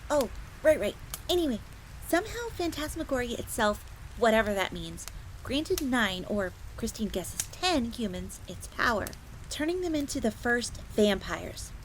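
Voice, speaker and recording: A woman plays a young fox maid in a scripted fantasy audio roleplay, earnest and secretive as she confides in the listener. Her voice is slightly high, very animated and a bit slow, and she refers to herself in the third person while explaining things with curiosity. A fire crackles behind her throughout.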